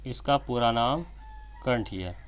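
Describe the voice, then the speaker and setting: A man giving a slow, repetitive whiteboard grammar lesson, often addressing viewers as friends and correcting himself mid-sentence. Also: medium pitch, clear, resonant tone, soft background music. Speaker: teacher.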